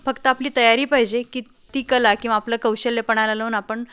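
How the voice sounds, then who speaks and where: A woman interviewer on a radio program, speaking calmly and affirming her guest. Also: fairly high pitch, a little fast, clear, resonant tone. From Maharashtra, India. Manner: calm, affirming, many soft backchannels. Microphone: studio microphone.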